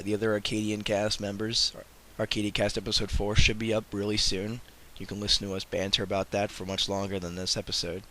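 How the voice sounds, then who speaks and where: A man with a cold, hosting a gaming show and rambling casually in voice-over, often repeating words and clearing his throat. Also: sits low, pushed and bright. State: sick, congested. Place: off camera, voice-over.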